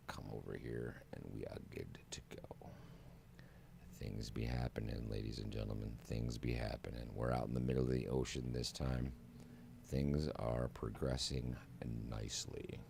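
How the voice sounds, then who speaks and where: A man with an extremely low, gravelly voice gives chatty, self-mocking commentary over a flight sim stream. He talks through each cockpit step as he goes, with a faint hiss of noise underneath. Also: a little mellow. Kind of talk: casual gameplay commentary.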